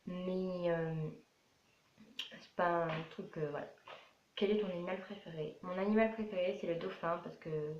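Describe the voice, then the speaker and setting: A twelve-year-old French girl vlogs casually, answering questions to camera in a rambling, repetitive manner at normal speed. Her voice is fairly low and darkish with fairly even intonation, and the recording has roomy echo, dull sound and faint noise.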